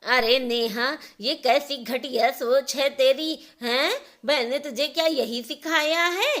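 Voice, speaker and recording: Woman doing older cartoon mother-in-law, kindly, coaxing, slow-spoken, fairly high voice. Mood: reproachful.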